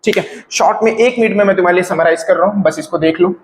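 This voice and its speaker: Speaking very fast in a high voice, a man teaches a physics class, working through each step and frequently asking if students follow. The low-quality recording has room echo and slight background noise.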